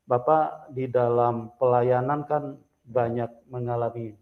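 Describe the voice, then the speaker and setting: A man's voice: medium pitch, fairly even intonation, takes it slowly, narrow, tinny audio. A man hosting a church interview, speaking steadily and answering his guest with affirming murmurs. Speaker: interview host.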